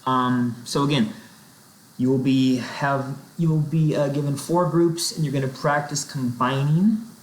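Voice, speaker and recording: A man's voice: mid-range voice, steady tone, measured pace. Man teaching a writing lesson, roomy sound. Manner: explains step by step, checks in with "right?" and "okay?". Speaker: writing instructor. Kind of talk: recorded classroom lecture. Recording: roomy echo, faint noise.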